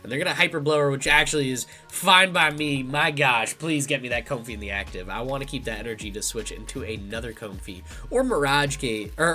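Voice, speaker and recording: Commentating live on his own card game, a young man muses casually in a congested, slightly nasal voice. The delivery is mid-range, pushed, and bright.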